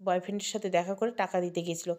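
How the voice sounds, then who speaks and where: A woman's voice: lowish voice, steady tone, rapid-fire, a little mellow, lightly acted. A woman voicing a controlling, short-tempered young man in an audio story. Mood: angry. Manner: commanding, curt.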